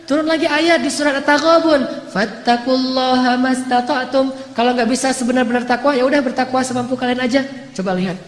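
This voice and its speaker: A preacher giving a storytelling sermon in a lively, casual way, chanting verses now and then. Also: sits high, quick pace. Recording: echoey hall with long reverb.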